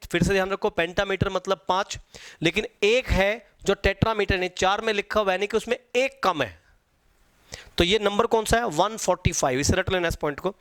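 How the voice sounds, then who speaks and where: Guy teaching exam prep, high voice, dry close sound, keeps repeating stuff and asking students questions. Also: a bit bright, no room sound. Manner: repeats key points, quizzes students.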